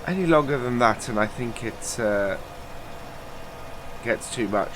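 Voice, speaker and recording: A gaming channel host, his voice nasal and stuffed up from a cold, rambles through casual let's-play commentary packed with "uh" fillers. He's chatty and animated, with a mid-range voice and a slightly slow pace. Background noise can be heard.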